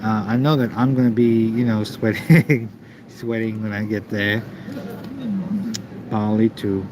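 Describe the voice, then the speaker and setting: A man casually chatting to live stream viewers in a halting, repetitive way. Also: lowish voice, little pitch movement. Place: busy airport waiting area. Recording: noisy airport background ambience.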